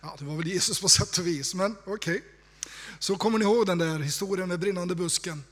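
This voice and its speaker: A man preaching a sermon in a conversational, reflective way, dropping to hushed tones for emphasis. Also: high-pitched.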